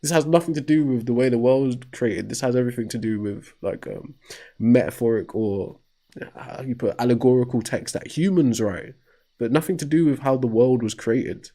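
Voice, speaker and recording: Hosting a call-in talk show, this man debates a caller argumentatively, interrupting with a rhetorical "right?" His voice is medium-pitched and mellow at a normal speed.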